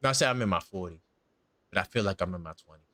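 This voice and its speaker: A man's voice: sits low, lively intonation, quick pace, pushed and bright, no echo, studio quality. A man in his forties hosting a sports talk show, emphatic and repeating his points. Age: 40s. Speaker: host.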